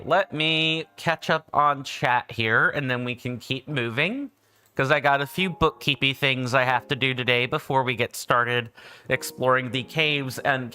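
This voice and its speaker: Just out of bed, a man hosts a game stream and chats casually, rambling along and correcting himself often. His voice sits at a medium pitch, bright and forceful.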